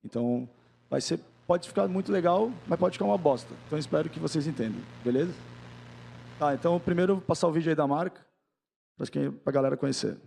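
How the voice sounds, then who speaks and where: A Brazilian man giving an informal, unscripted talk at an event, sounding hungover, low-key and candid. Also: fast talker, creaky, mellow, slight background noise. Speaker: guest speaker, business founder. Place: on stage at an event, talking to an audience.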